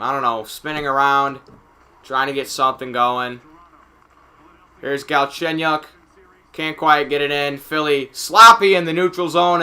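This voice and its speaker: A man calling a hockey game casually, play by play, getting excited on big plays and chatting in asides with filler words. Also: mid-range voice. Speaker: amateur play-by-play commentator. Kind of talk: casual live game commentary.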